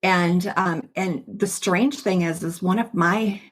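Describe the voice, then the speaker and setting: Upbeat middle-aged woman, podcast host, kinda low voice, chatty storyteller. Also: steady tone, slow pace, a little hiss or hum. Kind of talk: casual interview chat.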